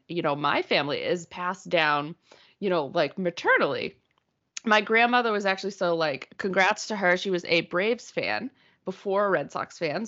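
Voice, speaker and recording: A woman's voice: lowish voice, fairly bright tone, muffled recording. A woman from Massachusetts co-hosting a podcast, chatting casually with lots of fillers. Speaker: podcast co-host.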